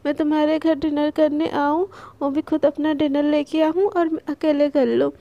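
A woman's voice: high-pitched, little pitch movement, normal speed, mellow, no room sound, dull audio. A woman voicing an insistent, talkative young neighbor woman in an audio love story. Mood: pushy. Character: pushy chatty young neighbor woman Manya.

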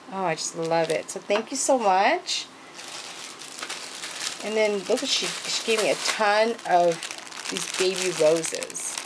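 A woman's voice: fairly low pitch, noisy background. A woman craft vlogger showing off gifts in a casual show-and-tell, gushing and thanking people over and over. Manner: gushing, repeats thanks and praise.

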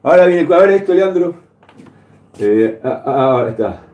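Man, high voice, insulting and repetitive, live-stream host. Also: expressive, normal speed. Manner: insulting, repetitive, badgering shouts. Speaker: streamer taking calls. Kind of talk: heated live-stream call-in.

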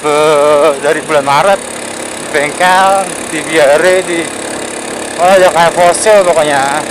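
A motovlogger with a fairly high, fairly even voice narrates slowly as he rides down a road, engine and road noise in the background. His talk is loose and rambling, with repeated phrases and pauses while he searches for words.

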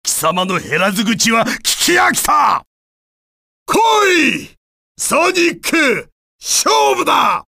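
Erazor Djinn, a raspy, arrogant villain. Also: male voice, very high-pitched, sing-song, slow, pushed and bright, dry recording, shouting, clean studio sound, heavily acted. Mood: taunting, fierce. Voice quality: raspy, gravelly. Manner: haughty, sneering, imperious. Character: arrogant villainous muscular djinn, menacing and contemptuous. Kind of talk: theatrical video game villain acting.

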